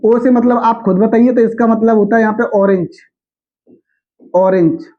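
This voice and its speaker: A young adult male teacher giving a classroom lecture. He repeats each point back as a question to the students and slowly chants the memory aids. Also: high-pitched, steady tone. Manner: slow sing-song chanting of mnemonics. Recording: dull lo-fi sound.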